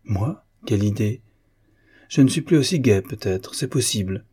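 A man reading as a gentle, worried young daughter. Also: lowish voice, expressive, normal speed, slightly rough. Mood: reassuring. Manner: soft, reassuring.

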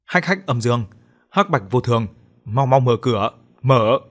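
A calm male exorcist master speaks firmly and chants his incantations with command as a man reads him. His pitch is middling. It is a plain storybook voice. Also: fast talker, lightly acted.

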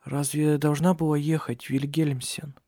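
Brief: male reader voicing a fragile young noblewoman, hushed and breathy, pitched up and quiet, close dry read. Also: flat delivery, normal speed, dry recording. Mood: weak, whispering. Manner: faint, breathy, pleading.

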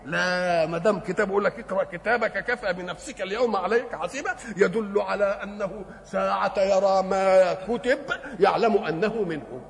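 Older Egyptian preacher, high and reverberant. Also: male voice, brisk, vocal fry, hardly any pauses. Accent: Egyptian Arabic. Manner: rhetorical questions answered himself, mixing colloquial and classical. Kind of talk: sermon. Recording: hall reverb with faint noise.

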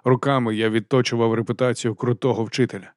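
A man narrating an audiobook in the first person, with a steady, wry storytelling manner. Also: mid-range voice, quick pace, no room sound, clean studio sound.

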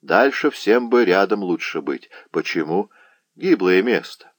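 A man voicing a loud, sharp-tongued old witch woman in an audiobook, with a shrill, mocking way of talking. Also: animated, measured pace, dry recording, clean studio sound. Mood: scolding.

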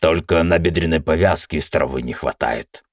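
A man voicing a calm, devoted male dragon in human form who speaks evenly and soothingly. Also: normal speed, no echo, clean studio sound. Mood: grumbling. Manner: even, soothing, low-key.

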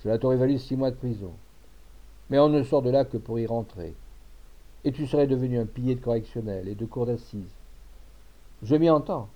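A man's voice: medium pitch, a little fast, long pauses, natural voice. A man voicing a grave, firm former convict. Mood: earnest. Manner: firm, urgent, earnest. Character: grave self-sacrificing former convict, a male mason. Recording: dull lo-fi recording.

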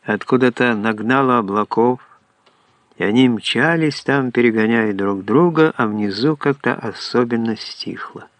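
A man narrating a literary audiobook in a measured, even storytelling manner. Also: medium pitch, no echo.

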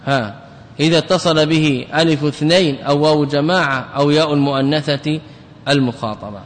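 A man teaching classical grammar as a sheikh, drilling example words and putting quick questions to his listeners. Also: steady tone. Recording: long reverb with faint rumble.

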